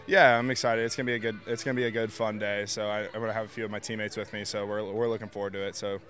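A young man, a college baseball player, answering postgame questions outdoors on a field into a handheld mic, halting with many fillers. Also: fairly low pitch, little pitch movement, a bit bright. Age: young adult. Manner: halting, lots of fillers, trails off with "so". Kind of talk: postgame interview. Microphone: handheld mic held by interviewer.

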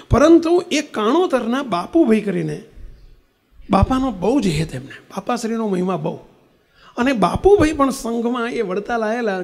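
A man telling a devotional story in a sermon, acting out the dialogue and often asking listeners if they follow. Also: sits high. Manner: animated storyteller, acting out dialogue, asks "understood?". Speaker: religious preacher.

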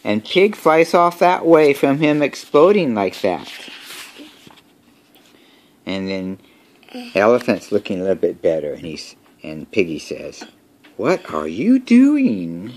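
A man reading a picture book aloud to young children at home, gentle and chatty. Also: lowish voice, animated, a little slow, pauses often. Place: home room.

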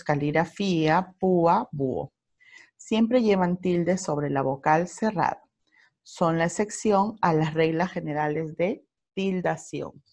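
A Peruvian woman teacher giving a recorded grammar lesson to primary school children. She speaks slowly and deliberately in a fairly low voice, pausing over each example word. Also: a little mellow. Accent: Peruvian Spanish. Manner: slow, careful explanation with spelled-out examples.

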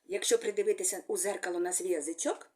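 A woman speech therapist giving a gentle, sing-song speech lesson to young children, using fond little words for them. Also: lowish voice, fast talker.

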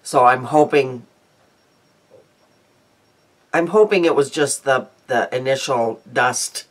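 This beauty vlogger, a woman in her fifties, speaks slowly with an extremely low pitch and a congested sound. Her daily vlog is chatty and rambling, full of ums, covering her day and makeup. She uses a close webcam in a small room at home.

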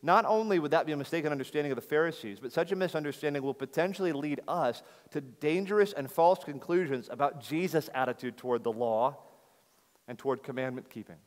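A man preaching a sermon in a church sanctuary, his voice on the higher side for a man. He preaches emphatically, laying out a passage point by point and asking rhetorical questions. A long reverb trails his words through the hall. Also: fast. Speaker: pastor.

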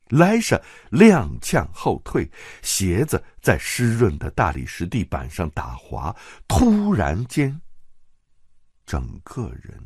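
Slow, husky male audiobook narrator. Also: a little mellow, no room sound, clean studio sound. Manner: measured, dramatic, lowering for tense moments.

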